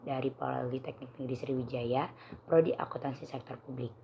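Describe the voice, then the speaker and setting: A young woman presents in a formal, careful student style. Her voice is low and hoarse, with plenty of creak. Faint noise sits behind her. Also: steady tone, brisk, dark tone. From Indonesia. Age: young adult.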